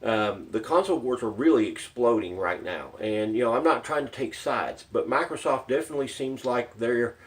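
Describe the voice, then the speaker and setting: A man's voice: mid-range voice, expressive, moderate pace, few pauses. A man giving unscripted, informal vlog commentary on video games, rambling and emphatic as he shares his opinions. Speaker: video game news commentator. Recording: distant microphone.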